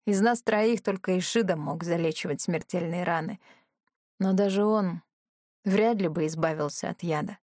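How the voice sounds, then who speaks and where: A woman voicing an exhausted young male dragon shifter who speaks wearily and hoarsely. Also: on the low side, moderate pace, a little mellow, dry recording, studio quality, lightly acted. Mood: weary, hushed. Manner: weary and hoarse.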